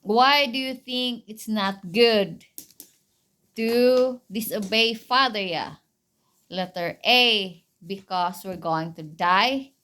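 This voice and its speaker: A mother teaches her child a Bible story, speaking slowly in a mid-range, slightly bright voice. She is patient and asks quiz questions, using simple, repetitive phrasing.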